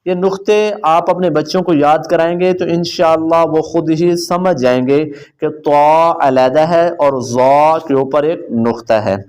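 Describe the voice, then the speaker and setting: A man teaching beginners the Arabic letters, drawing out each letter name in a slow chant between quick explanations. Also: on the high side, a little mellow, clean tone. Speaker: Quran teacher.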